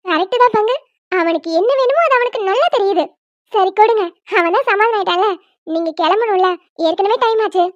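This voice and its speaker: A woman's voice: very high voice, brisk, no room sound, muffled recording. A woman voicing a young doting aunt who coaxes a crying baby in sing-song baby talk. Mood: coaxing. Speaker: cartoon voice actor. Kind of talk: homemade cartoon dubbing.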